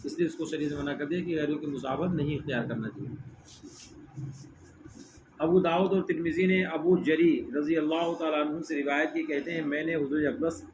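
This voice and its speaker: A middle-aged religious teacher with a fairly high voice leads a lesson in a hall. He works by questioning his listeners and having them say phrases back to him. The recording is dull and muffled, with a steady hiss of noise behind him. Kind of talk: religious lesson with call-and-response.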